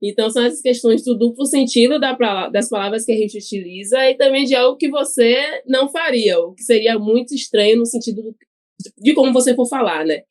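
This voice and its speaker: Laughing frequently and ending lines with tag questions, a Bahian woman who works as a cachaça ambassador talks casually on a podcast. She speaks fairly quickly in a slightly mellow, higher voice with a Bahian Portuguese accent.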